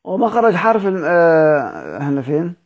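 Egyptian guy teaching quran reading online, high voice, drags out the example words, muffled audio. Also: big pitch swings. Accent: Egyptian Arabic. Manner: explains slowly, repeats example words drawn out. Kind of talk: online lesson on recitation rules.

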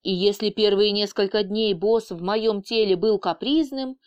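A woman reading an audiobook in the first person, with a lively, sardonic storytelling manner. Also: medium pitch, moderate pace, clear, resonant tone. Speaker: audiobook narrator.

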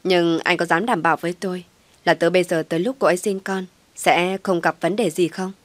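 A woman's voice: lowish voice, steady tone, a little fast, dry recording, close to an everyday voice. A woman voicing a worried young husband. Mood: angry. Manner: urgent, pressing.

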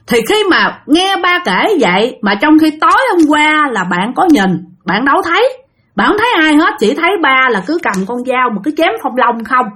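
A woman's voice: on the high side, fairly bright tone. A woman with a Southern Vietnamese accent telling a ghost story in a chatty way, often addressing her listeners directly. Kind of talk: spoken ghost story narration.

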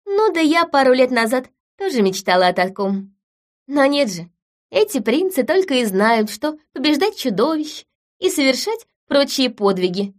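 A woman's voice: sits high, normal speed, pitched above the performer's own voice. Woman voicing a cheerful chatty young niece. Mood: playful. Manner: bright, lively and playful.

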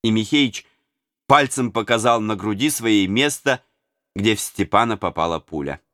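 A man's voice: lowish voice, animated, moderate pace, fairly bright tone, no room sound, clean studio sound. A man narrating a historical novel as an audiobook in a dramatic storyteller's cadence. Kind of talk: expressive literary narration.

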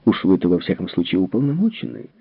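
Casting: a man as a troubled general, low and earnest, audiobook reading, tinny and dry. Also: big pitch swings, fast, breathy edge, no echo, exaggerated voice. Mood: worried. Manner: earnest, explanatory. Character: worried, troubled middle-aged male general. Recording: tinny narrow-band recording.

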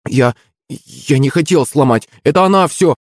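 A man's voice: high-pitched, normal speed, darkish tone, no echo, studio quality, pitched above the performer's own voice, lightly acted. A man doing a whiny, pleading schoolboy. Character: cowardly teenage schoolboy pleading.

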